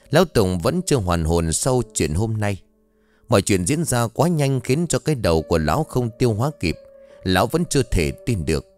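A man narrating an audio story with expressive storytelling. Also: lowish voice.

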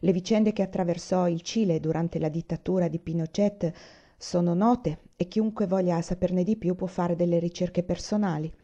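Woman, audiobook-style novel reading, calm measured pacing, very dark warm voice, muffled recording. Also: on the low side. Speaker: reader of novels. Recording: dull lo-fi recording.

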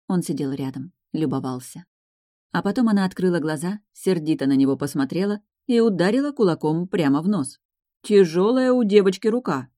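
Rich: A woman narrates a fantasy romance audiobook in calm, measured storytelling. Her voice is low and mellow. The recording is close and dry. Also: no room sound.

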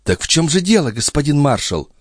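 A man's voice: on the high side, big pitch swings, fairly quick, dry recording, studio quality, pitched above the performer's own voice. A man voicing a sly young maid who pleads and coaxes, in an audiobook reading. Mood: pleading. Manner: pleading, coaxing. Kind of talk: audiobook character voice.

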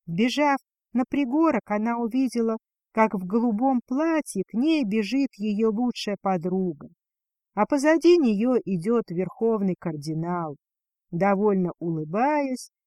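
A woman's voice: on the high side, a little mellow, no room sound. Woman narrating a romance storybook, dry sound. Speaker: audiobook narrator.

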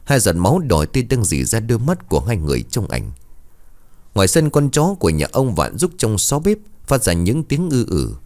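Deep-voiced man telling a ghost story. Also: brisk. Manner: dramatic, animated storytelling.

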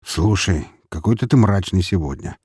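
A man voicing a brash, crude, teasing male police investigator, loud and boisterous. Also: low-pitched, lively intonation, moderate pace, slightly rough, no room sound, clean studio sound.

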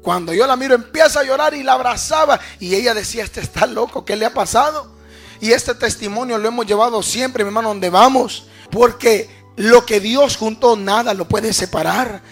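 High-voiced man preaching with fervor. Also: moderate pace, few pauses, soft background music. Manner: swings from hushed murmurs to fervent shouting; calls listeners "hermano" often. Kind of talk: sermon with personal testimony.

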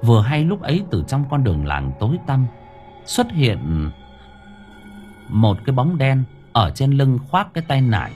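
A man narrating a story in a lively, expressive way. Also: medium pitch, normal speed, soft background music. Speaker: audiobook narrator.

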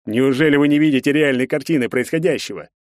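A man doing a drunk, bitter young brother for a storybook reading, with a raised, loud voice that jeers and sneers at everyone. The recording is dry and close, with no room sound. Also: mid-range voice, fast, no room sound, voice pushed up, natural voice. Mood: accusing. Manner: sneering, jeering. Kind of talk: audiobook character voice.

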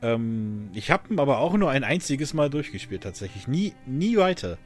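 A man's voice: medium pitch, big pitch swings, normal speed, faint music behind. A man hosting a casual podcast, talking loosely with many fillers and restarts and laughing often. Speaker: podcast host.

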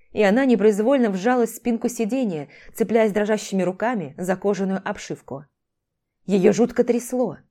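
A woman reads a novel aloud in scripted audiobook narration. Her voice is mellow and warm, and her reading is expressive and measured. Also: mid-range voice.

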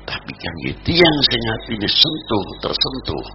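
A man with a Javanese accent preaching a sermon, swinging between loud exhortation and low murmurs. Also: huge pitch swings, slow. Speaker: Islamic preacher. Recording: dull lo-fi recording with noise.

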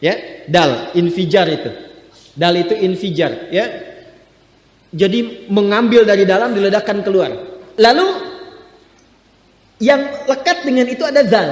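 A high-pitched man leads a class through drills on Arabic letters, repeating each sound over and over and chanting verses. His voice rings out in a roomy hall with a long, trailing reverb. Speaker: Quran recitation teacher.

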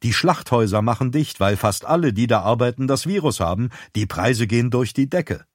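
A man's voice: mid-range voice, expressive, fairly quick, no room sound, studio quality, natural voice. A man voicing a tired mother of the family in an audiobook, speaking plainly and matter-of-factly. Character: worn-out mother of the family, near tears. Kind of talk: audiobook character voice.

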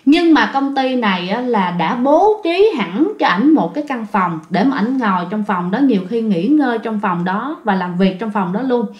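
Chatty Southern Vietnamese woman telling a ghost story, fairly high voice, roomy and dull recording. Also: lively intonation, normal speed, hardly any pauses. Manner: chatty, addresses listeners directly. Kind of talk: told ghost story to listeners.

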